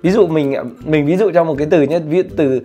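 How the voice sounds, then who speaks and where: A man talks casually in a slightly high voice and gives study advice. He rambles, stops for fillers and corrects himself as he goes. Soft music plays under his voice the whole time. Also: a little fast. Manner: says plainly he is not a teacher. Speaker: vlogger sharing study tips. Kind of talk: casual spoken tutorial. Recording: light background music.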